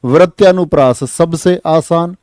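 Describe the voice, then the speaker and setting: A man teaching an exam-prep class, lively, asking students questions and answering them himself. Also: on the high side, unhurried, smooth, no room sound. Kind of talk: online exam-prep lesson.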